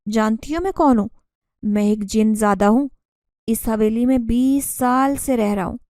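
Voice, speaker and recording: A woman voicing a male jinn disguised as a servant, speaking in a shouting, commanding way. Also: a little high, moderate pace, no room sound, studio quality, lightly acted. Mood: angry.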